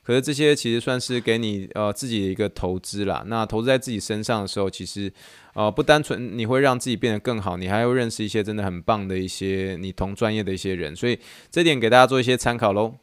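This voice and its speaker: A man from Taiwan, hosting a podcast as a casual, animated monologue and laughing often. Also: fairly low pitch, fast, clean tone, no echo, studio quality. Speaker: podcast host.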